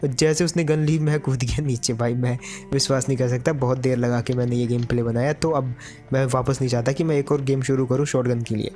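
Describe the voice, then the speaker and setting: A man's voice: medium pitch, fairly even intonation, fairly quick, darkish tone, faint music behind. A man giving chatty gameplay commentary to his viewers, calling them brother. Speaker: gaming YouTuber.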